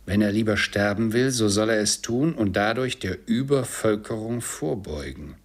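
A man voicing a solemn, stern male ghost of Christmas who speaks slowly and gravely, at times in a whisper. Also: lowish voice.

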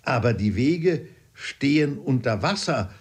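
A man's voice: medium pitch, expressive, slow pace. A man voicing a plain, respectful male servant who states things matter-of-factly. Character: plain old-fashioned male servant, stubborn.

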